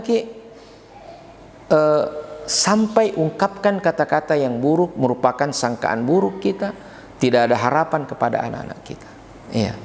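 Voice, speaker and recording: A man giving a mosque sermon, talking in an animated way and tagging his sentences with quick asides to the listeners. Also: medium pitch, slight background noise. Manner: animated, frequent tag questions. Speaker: preacher. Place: mosque hall. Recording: reverberant mosque hall, faint ambience.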